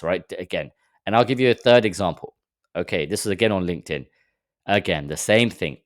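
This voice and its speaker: A man's voice: deep voice, dry recording, clean studio sound. A man giving casual marketing advice on camera, exasperated and mocking, often stumbling over repeated words. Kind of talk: casual talking-head advice.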